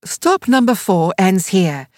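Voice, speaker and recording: A woman reading scripted nature documentary narration as an audio guide, in a measured, explanatory way. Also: mid-range voice, big pitch swings, darkish tone, no room sound, clean studio sound. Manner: measured, explanatory read delivery.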